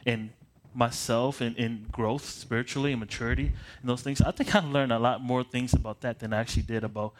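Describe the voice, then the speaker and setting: A Michigan man in his late twenties, a pastor, speaks in a steady mid-range voice at a slightly quick clip. He leads a prayer, then introduces himself as a preacher in a casual, self-deprecating way, often restarting phrases and chuckling as he paces around.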